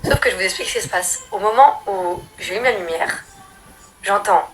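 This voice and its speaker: A young woman from France, a regular storyteller, tells a scary childhood story in casual slangy chat, bursting into loud high voices. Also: moderate pace, faint music behind. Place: at home doing makeup.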